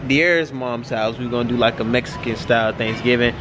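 Brief: easygoing male vlogger, mid-pitched, relaxed banter, noticeable background noise. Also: a little fast. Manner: laid-back, easygoing banter. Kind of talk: casual vlog chat.

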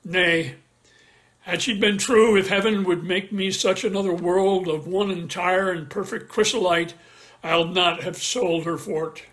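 A man reading the part of a jealous, tormented middle-aged general in an online Shakespeare reading, with slow, weighty verse delivery. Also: high-pitched, fairly even intonation, fairly bright tone. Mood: accusing. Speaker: reader in an online play reading. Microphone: video call.

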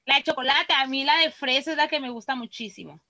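With a sharp, high-pitched voice on poor audio, a woman teacher who has a Mexican Spanish accent reads words aloud to children one by one. She's patient, pronouncing each slowly and clearly.

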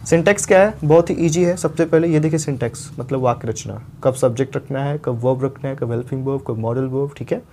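A young man explaining English pronunciation in a lesson, repeating words slowly and checking in often with his viewers. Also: medium pitch, a little mellow, slight background noise. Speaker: English teacher.

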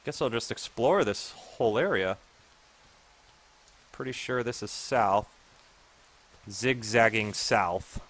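A man's voice: lowish voice, takes it slowly, long pauses, fairly bright tone. A man in his forties casually commenting on gameplay with sarcastic, self-deprecating asides. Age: 40s. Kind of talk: casual let's-play commentary.

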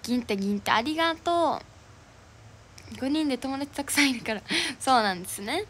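This high-pitched, expressive Kansai-accented young woman chats casually as an idol livestreamer, cheerily thanking viewers for the comments and gifts she reads out. She keeps a moderate pace, sounds a bit bright, and the livestream audio is noisy.

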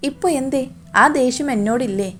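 A woman's voice: sits high, brisk, fairly bright tone, a little hiss or hum. A woman voicing a shy, timid young woman who asks nervous, hesitant questions.

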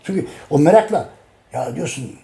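A man's voice: fairly high pitch, lively intonation, moderate pace, gravelly, mellow. A middle-aged man talking casually to his audience, emphatic and repeating each phrase. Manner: addresses his audience directly. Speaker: host. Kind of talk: casual talk.

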